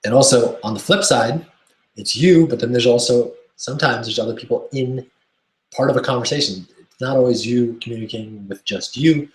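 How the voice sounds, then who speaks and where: A man's voice: mid-range voice, a little fast. A man coaching a webinar audience on mindset, enthusiastic and often checking in with "right?". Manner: enthusiastic, keeps asking "right?". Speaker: self-help coach. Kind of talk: webinar teaching talk. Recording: roomy echo.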